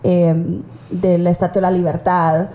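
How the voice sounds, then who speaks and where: A woman's voice: fairly low pitch, little pitch movement, measured pace, mellow. A middle-aged woman from El Salvador with a Salvadoran accent, recalling her childhood in a casual interview. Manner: storytelling, reflective. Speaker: guest author. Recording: roomy with faint noise.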